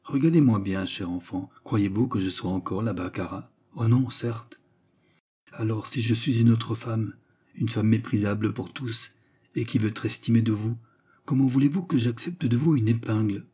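A man's voice: on the low side, moderate pace, dark tone, husky. A man voicing a grave, commanding mysterious woman. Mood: persuasive. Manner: grave and solemn, at times light.

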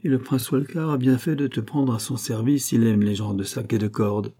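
A man's voice: medium pitch, normal speed, husky, natural voice. A man doing the jovial sea captain Corcoran. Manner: cheerful, teasing, lively. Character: bold jovial male Breton sea captain.

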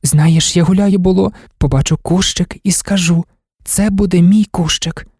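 A man's voice: high-pitched, steady tone, moderate pace, a little mellow, breathy edge, no room sound, studio quality, pitched above the performer's own voice. A man reading an audiobook, voicing a dreamy, impulsive young woman in love with an eager, tender manner.

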